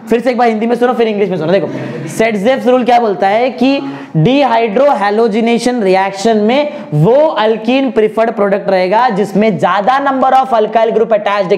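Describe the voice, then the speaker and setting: A man's voice: sits high, darkish tone. Coaxing Indian male chemistry teacher. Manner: drills students in slow repetition, coaxing and joking. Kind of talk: classroom lecture. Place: classroom with students.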